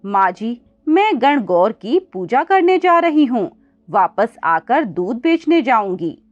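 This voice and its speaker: Lady voicing a tearful young wife begging, high lively voice, dull lo-fi audio. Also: slow pace. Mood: pleading. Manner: pleading, tearful. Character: poor grieving young wife. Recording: dull lo-fi with faint music.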